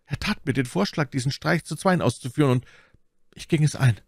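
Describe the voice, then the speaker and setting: A man's voice: a little high, fairly quick, vocal fry, darkish tone, breathy edge, no echo, clean studio sound, pitched above the performer's own voice. A man voicing a wounded, cowardly soldier who begs for his life in a panicky, pleading way in an audiobook. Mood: frightened pleading.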